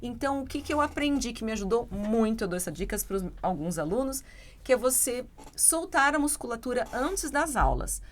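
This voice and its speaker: A woman's voice: on the high side, animated, fairly quick. A Brazilian woman English teacher co-hosting a podcast, chatting casually and explaining with examples and frequent tag questions.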